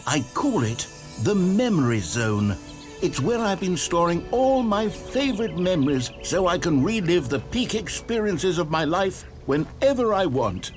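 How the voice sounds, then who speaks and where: A man's voice: high voice, big pitch swings, unhurried, faint music behind. An actor playing a fussy, theatrical male narrator in a video game, eloquent and grandiose, indignant or wistfully nostalgic.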